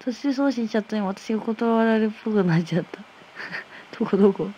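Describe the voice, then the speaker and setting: A woman's voice: fairly high pitch, brisk, mellow, lo-fi sound, slight background noise. A woman hosting a casual livestream from her phone, reading viewer comments aloud and answering with playful, teasing replies. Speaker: livestream host.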